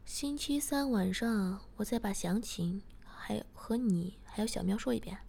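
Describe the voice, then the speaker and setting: A self-assured young man from a spoken story, voiced by a woman reader. He teases lightly in a gravelly, mid-pitched voice that hardly changes from the narration. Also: lively intonation, moderate pace, dark tone. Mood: teasing.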